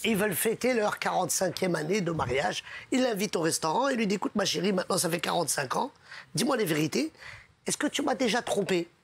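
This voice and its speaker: On a comedy show, an animated man tells jokes and switches to a different voice for each character. His own voice sits high and is gravelly and husky, delivered fast.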